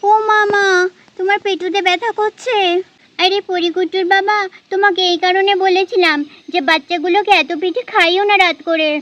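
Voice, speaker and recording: A woman voicing a bustling village mother doll who scolds and dotes on her children, talking fast and nagging. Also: very high voice, fairly even intonation, fairly bright tone. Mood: fussing. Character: fussy village mother, scolding yet doting. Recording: dull lo-fi sound.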